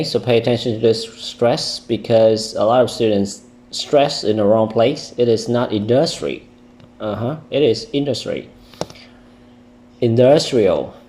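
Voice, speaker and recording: A man with a Vietnamese accent teaching English vocabulary, slowly repeating words to drill their stress. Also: on the low side, dark tone. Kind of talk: vocabulary lesson with pronunciation drills.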